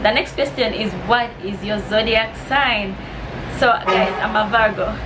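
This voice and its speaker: Unhurried and medium-pitched, a woman in her twenties from East Africa, about twenty, chats over a noisy background. She's doing a casual Q&A vlog, reading out get-to-know-me questions with soft laughs and answering in a friendly, slightly nervous manner.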